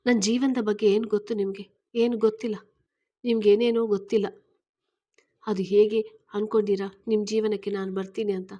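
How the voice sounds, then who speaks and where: A young single mother speaks with firm, pleading resolve, close to tears, as a woman reading a story voices her. Her mid-range voice stays plain and steady. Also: medium pitch, close to an everyday voice.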